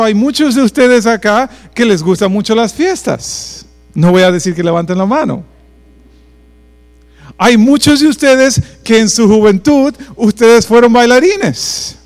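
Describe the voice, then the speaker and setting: High-voiced pastor in a reverberant church. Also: male voice, darkish tone. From Dominican Republic. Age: 40s. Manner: storytelling, addresses congregation directly. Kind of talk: bilingual church sermon with personal stories. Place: church hall. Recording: long church reverb, faint mains hum.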